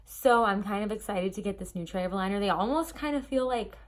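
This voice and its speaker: A woman's voice: mid-range voice, quick pace. A young woman vlogging casually from her bedroom, chatty and rambling with lots of ums and likes, and a slight lisp. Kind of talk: casual chat to camera.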